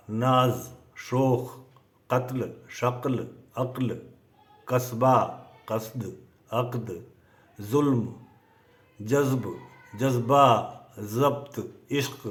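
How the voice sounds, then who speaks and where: A man teaching poetic meter in a slow, methodical lesson, dictating word lists. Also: mid-range voice. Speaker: poetry teacher.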